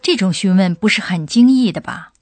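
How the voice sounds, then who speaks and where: A woman's voice: medium pitch, lively intonation, fairly quick, darkish tone, a little hiss or hum. A woman hosting a radio language lesson, putting listeners' questions to a professor. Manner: asks the expert leading questions.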